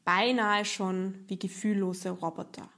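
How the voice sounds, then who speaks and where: A woman's voice: medium pitch, fairly even intonation, measured pace, a bit bright. A woman with an Austrian German accent, performing a scripted cabaret monologue in a playful way. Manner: playful, acts out joke voices. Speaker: cabaret artist.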